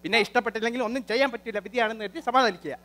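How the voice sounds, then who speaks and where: A man hosting a live comedy show, talking to the audience in a lively, bossy manner and lecturing his sidekick. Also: very high voice, very fast. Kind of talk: live stage comedy and mimicry.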